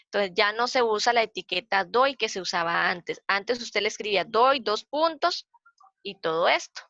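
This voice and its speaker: A woman with a Costa Rican accent, working as a librarian, gives a citation workshop in a training session, patiently restating points over her slides and counting out loud at a slow pace. Her mid-range voice is gravelly, pushed and bright, with lively intonation. The recording is dull, dry and lo-fi, without echo.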